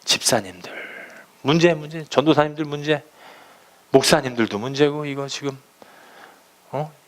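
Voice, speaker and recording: A middle-aged male pastor preaching a conversational sermon, acting out prayers and quotes with sudden loud bursts. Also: on the high side, moderate pace.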